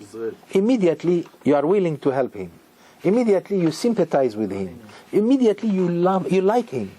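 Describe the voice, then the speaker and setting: Man, rabbi, sermon, high-ish voice, warm mellow timbre, emphatic, repeats himself. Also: a little fast, breathy edge. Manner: animated, emphatic repetition.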